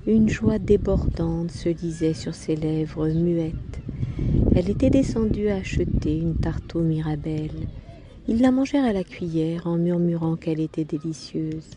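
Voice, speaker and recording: A woman reading a novel aloud in calm, unhurried scripted narration. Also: lowish voice, background noise. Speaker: audiobook reader.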